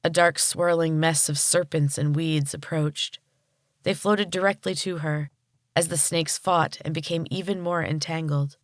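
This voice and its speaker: A woman podcast host narrating a storybook chapter in a calm, measured way. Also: sits low, no room sound, studio quality.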